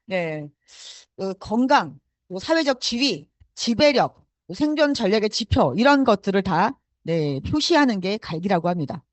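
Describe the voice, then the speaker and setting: Animated woman giving a pep talk. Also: mid-range voice, a little slow, no echo. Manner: frequent affirming fillers and rhetorical questions to the audience; emphatic and urging. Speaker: motivational speaker. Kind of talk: motivational talk to an audience.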